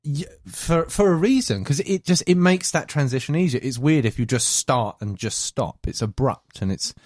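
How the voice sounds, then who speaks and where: Animated man, casual podcast guest, rambling delivery, mid pitch, dry mic. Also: moderate pace, no room sound. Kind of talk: casual chat.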